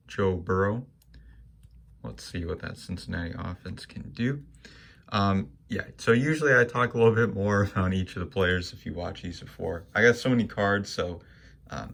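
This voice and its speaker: Low-voiced young man, rambling card vlog. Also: gravelly. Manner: relaxed and rambling, many ums and likes. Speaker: sports card collector vlogger. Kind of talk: casual monologue showing cards.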